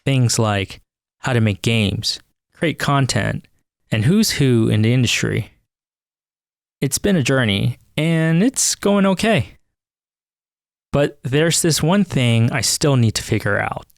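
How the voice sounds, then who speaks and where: A man's voice: mid-range voice, animated, takes it slowly, vocal fry, long pauses, dry recording, studio quality. A man hosting a podcast, narrating in a scripted, wry and self-deprecating way. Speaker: podcast host.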